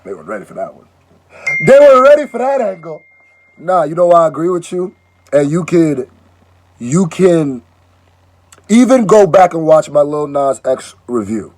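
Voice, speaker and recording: A man raised in Nigeria hosts a reaction video and talks in a loose, joking way, often cutting in on the clip he plays. His voice sits a touch high and swings widely in pitch. The sound is dry, with no room echo. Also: normal speed, long pauses. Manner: animated, joking, interjecting. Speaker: YouTube reaction host. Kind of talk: casual reaction commentary.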